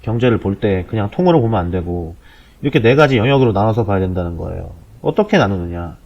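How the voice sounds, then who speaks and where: Dull, low-bitrate audio carries a man of about forty giving casual commentary. He talks fast, with lively swings in pitch. His manner is colloquial and irreverent, often putting rhetorical questions as he explains. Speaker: host of an explainer show.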